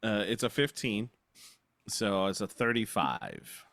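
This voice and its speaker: A man rambles casually through his turn in a tabletop game, packing his talk with fillers. His voice is bright and forward. The sound is dry and close. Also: on the low side, sing-song, takes it slowly, gravelly, dry recording. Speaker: player.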